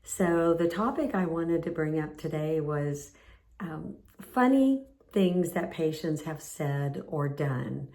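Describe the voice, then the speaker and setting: An older woman hosts her own channel and tells work stories in a loose, chatty way, with plenty of fillers. Her voice is hoarse and sits quite low. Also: animated, slow, warm tone. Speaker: nurse and channel host. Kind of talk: casual storytelling vlog.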